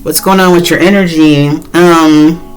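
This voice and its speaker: A woman's voice: deep voice, steady tone, a little slow, faint music behind, low-quality recording. A woman, chatting directly to viewers in a casual tarot reading, with many fillers. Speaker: tarot reader.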